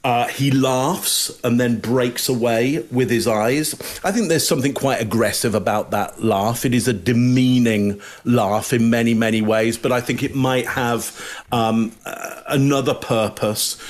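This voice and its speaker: A man analyzing body language on a panel, speaking in a measured, hedging way with pauses and fillers. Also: mid-range voice. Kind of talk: casual panel commentary.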